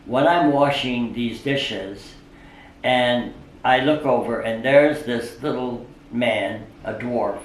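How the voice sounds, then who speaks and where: An older man, a psychic, telling stories in an interview, acting out what people said and filling pauses with "uh". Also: mid-range voice, slight background noise. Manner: animated storyteller who acts out quoted speech, with frequent "uh" fillers. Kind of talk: interview storytelling. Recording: roomy sound from a distant mic.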